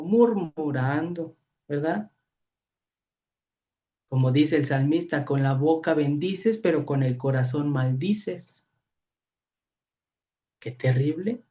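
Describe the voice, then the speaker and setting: A priest with a Mexican Spanish accent, preaching in a storytelling way, acting out voices and often asking "¿verdad?". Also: male voice, fairly high pitch, lively intonation, slow pace, pauses often, darkish tone. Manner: storytelling, acts out voices, frequent rhetorical "¿verdad?". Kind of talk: preaching to a youth training session. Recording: dull lo-fi audio.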